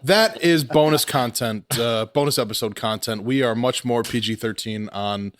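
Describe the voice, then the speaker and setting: A man hosting a podcast in casual, informal chat, with an excitable manner and a scratchy throat after surgery. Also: mid-range voice, normal speed, no echo, clean studio sound. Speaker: podcast host.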